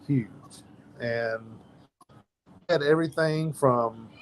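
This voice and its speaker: A man's voice: medium pitch, slow, slight background noise, poor audio. A man with a Southern drawl, chatting casually as co-host of a paranormal podcast. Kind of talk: casual chat.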